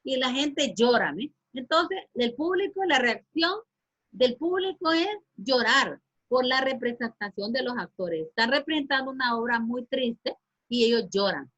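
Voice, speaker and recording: A woman's voice: high-pitched, lively intonation, a little slow, fairly bright tone. A woman teacher giving an online class, hesitant with many fillers and restarts, asking her students questions. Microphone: video call. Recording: muffled lo-fi online call audio.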